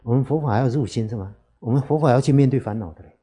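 A man, a Buddhist monk, giving an unhurried dharma talk to lay listeners, often asking rhetorical questions. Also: medium pitch, mellow, breathy edge.

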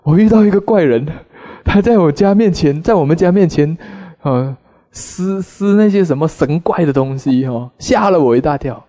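A man voicing a stingy, scornful rich wife in a retold sermon story, with a shrill, contemptuous manner. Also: very animated, fast, hardly any pauses, warm tone, big-room sound, natural voice. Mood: frightened.

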